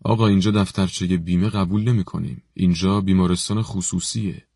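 A man's voice: deep voice, steady tone, vocal fry, darkish tone, dry recording, clean studio sound. A man voicing a polite but unbending doctor explaining hospital rules. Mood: politely firm.

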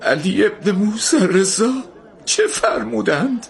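A man voicing a grief-stricken young man who speaks in a husky, trembling, halting voice. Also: mid-range voice, animated, pitched above the performer's own voice.

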